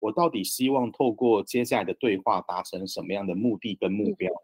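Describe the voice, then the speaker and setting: Husky man calmly explaining as coach. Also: lowish voice, no echo. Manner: calm, measured explaining. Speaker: communication coach. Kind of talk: explaining in a podcast interview.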